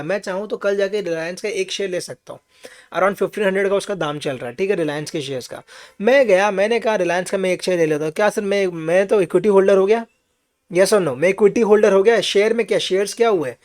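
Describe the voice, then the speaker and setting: High-voiced man teaching a class. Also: a little fast. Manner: explains patiently with rhetorical questions and checks on students; mixes English phrases into his talk. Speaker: finance teacher. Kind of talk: online class lecture.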